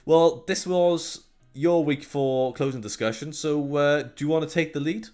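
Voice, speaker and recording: Unhurried and mellow in a fairly high voice, a young Welsh co-host with a light accent banters on a relaxed tech podcast. He's jokey and rambling, often restarting, and faint music runs underneath.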